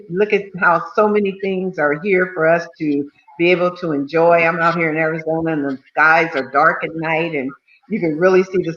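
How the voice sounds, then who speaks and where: Older woman, 70s, talkative guest, loose rambling delivery; slightly muffled remote audio. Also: sits low. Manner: chatty and rambling, full of you-knows and repeats. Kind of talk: casual talk-show interview.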